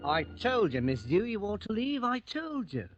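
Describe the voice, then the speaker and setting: A man's voice: sits high, very animated, moderate pace, music in the background. Fatherly, chiding wartime sergeant, muffled. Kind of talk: 1940s radio acting, war drama. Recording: muffled old 1940s radio recording.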